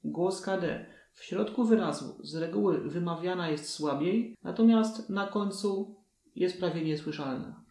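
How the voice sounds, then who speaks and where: Slow, echoey man teaching pronunciation. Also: high voice, mellow. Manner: measured, explanatory, spells out examples. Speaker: language teacher. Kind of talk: scripted pronunciation lesson. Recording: roomy echo.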